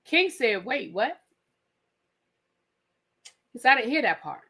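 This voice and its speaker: A woman who reviews TV shows hosts a live recap, telling the story casually and acting out the quotes, with some swearing along the way. Her voice is fairly high and has a breathy edge, and she takes it slowly.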